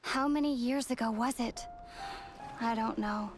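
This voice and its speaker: A woman voicing a young wandering heroine who narrates a video game story, wistful yet determined and measured. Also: a little high, music in the background, lightly acted. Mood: wistful, resolute. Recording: long cavernous reverb.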